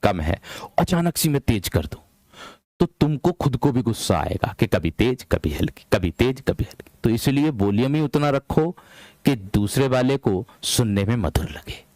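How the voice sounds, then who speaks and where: A young man teaching a live online Hindi grammar class for police exam students. He speaks slowly and deliberately, repeats phrases and calls the students "my brave one" in a firm, hard-edged voice. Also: mid-range voice, lively intonation, darkish tone, dry recording. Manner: deliberately slow, drawn-out delivery.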